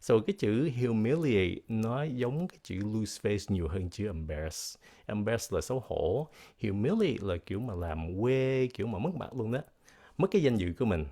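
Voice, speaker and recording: With a fairly low, sing-song voice and a warm tone, this man from the United States leads a bilingual English vocabulary lesson. He alternates English with Vietnamese, taking words slowly and saying pronunciations again.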